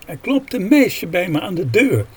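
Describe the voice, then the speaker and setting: A man's voice: high-pitched, very animated, moderate pace, darkish tone, slightly rough, voice pushed up, exaggerated voice. A man voicing a kind, determined old village woman who speaks firmly and pleadingly in a spoken storybook. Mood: urgent. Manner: firm and pleading.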